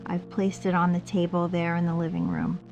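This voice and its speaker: A woman playing a polite, formal, softly insistent host of a secluded house in a scripted drama. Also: fairly low pitch, monotone, brisk, creaky, dull audio, music in the background. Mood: courteous, inviting.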